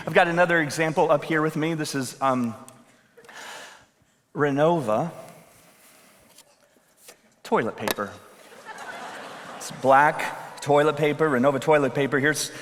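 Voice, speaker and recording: A man preaching into a pulpit microphone, his voice sitting a little high. The sound carries a long reverb from a large hall. He talks in a loose, joking way and rises into emphatic calls to his listeners. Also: bright, forceful tone. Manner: conversational and joking, building to emphatic appeals. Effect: speaking into a pulpit microphone. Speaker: pastor. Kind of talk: sermon. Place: church sanctuary.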